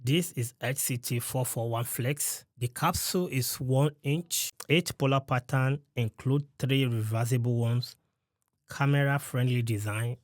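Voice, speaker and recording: A man's voice: mid-range voice, unhurried, dry recording. Man, mid-range voice, close studio mic, explanatory gear-review delivery, very dry. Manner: explanatory, walks through settings step by step. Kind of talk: mic test demonstration. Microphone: studio condenser mic close up.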